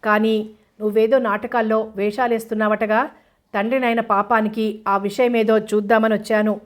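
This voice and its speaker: A woman's voice: fairly high pitch, flat delivery, moderate pace, lightly acted. A woman reading the lines of a bitter, gaunt older father who answers his daughter indignantly, in an audiobook.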